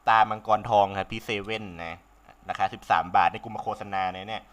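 A young man with a sore throat provides casual, excitable let's-play commentary, swearing freely and laughing a lot. His voice is on the low side and his pace is brisk.

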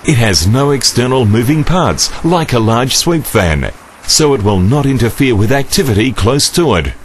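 Man narrating a lively product ad. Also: mid-range voice. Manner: smooth, persuasive delivery. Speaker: voice-over narrator. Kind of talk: scripted commercial narration. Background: music.

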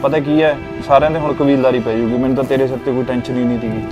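Here the same sort of skit role, a fed-up younger brother who accommodates his elder brother to escape the daily quarrels, comes in a mid-range, steady voice delivered rapid-fire and lightly acted. The audio is dull, with echo and music around him.

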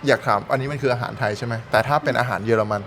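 A man's voice: mid-range voice, racing. A man chatting casually as an interviewer, echoing answers back and mixing in English phrases. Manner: mixes in English phrases, echoes guest's answers. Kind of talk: casual chat. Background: music.

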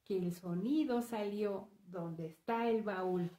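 A timid little sister from a storybook, as the woman telling the story puts her on. Her voice goes higher and eager while she keeps an unhurried pace. The sound rings in an echoing room. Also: dark tone, lightly acted. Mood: certain.

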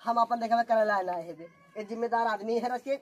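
A man's voice: very high-pitched, a little fast, muffled recording, a little hiss or hum. A man playing an aggrieved young villager who complains about his brother, in an amateur comedy skit with an eastern Uttar Pradesh accent. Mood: complaining. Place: open village courtyard.

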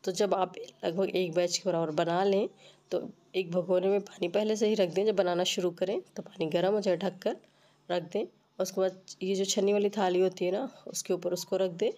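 A woman narrates a recipe tutorial step by step, informally, her voice stuffy and rough with a cold. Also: on the low side, little pitch movement, moderate pace, warm tone. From Uttar Pradesh, India. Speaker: cooking channel host.

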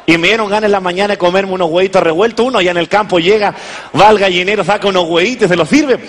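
A man performs a folksy old country grandfather with a rural Chilean accent, rambling through his stories. The voice sits high, and each line rings long in a big hall. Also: racing, fairly bright tone. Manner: rambling, folksy, repeats a pet word. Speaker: comedian. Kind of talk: stand-up character comedy. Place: large stage before an audience.

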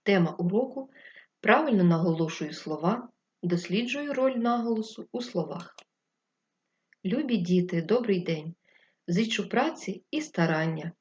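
A woman teacher giving a recorded reading lesson to first graders, speaking clearly and kindly to young children. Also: medium pitch, muffled recording. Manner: slow, clear, lively intonation addressing young children. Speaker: primary school teacher. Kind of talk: recorded distance-learning lesson.

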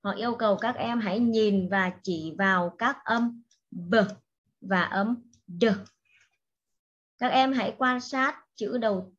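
A woman teaching an English lesson to young children, speaking slowly and patiently and repeating each word for the class to echo. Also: on the high side, lo-fi sound. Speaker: primary school English teacher.

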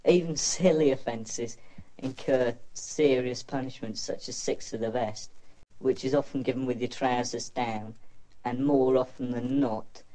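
A teenage boy giving quiet, matter-of-fact interview testimony through an electronically disguised voice. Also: medium pitch, rough recording. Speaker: anonymous pupil.

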